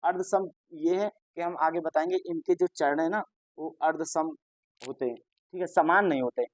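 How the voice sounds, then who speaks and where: A man's voice: fairly high pitch, moderate pace, no echo. Male teacher for an exam-prep lesson: patient, explanatory, keeps repeating reminders and answers his own questions, dry recording.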